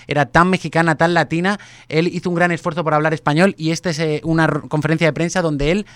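Clear, higher-voiced Spanish male host. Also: fairly even intonation, fast talker, dry recording. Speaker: sports show host. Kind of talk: conversational sports commentary.

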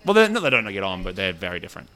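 Male host, animated intonation, casual banter. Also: sits low, very fast. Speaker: music podcast host.

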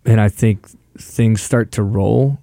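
A man's voice: fairly low pitch, takes it slowly, creaky, dark tone, no room sound, studio quality. A man in his forties, chatting casually as a podcast guest, thoughtful with some joking. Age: 40s. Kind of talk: casual chat.

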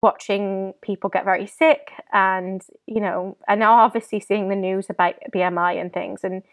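A woman, talking candidly as an interview guest, halting and full of restarts, tearful at times. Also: medium pitch, level tone, no room sound.

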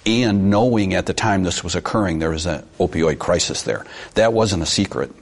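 A man's voice: low voice, moderate pace. A man interviewed on the news as a former investigator, answering in a blunt, firm way.

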